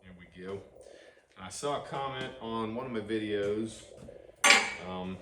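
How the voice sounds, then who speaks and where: Here the vlog host keeps a measured pace, his voice loud and lowish, talking casually as he tinkers with an engine in his outdoor garage. The camera's own mic records it, and the workshop sounds noisy and cavernous.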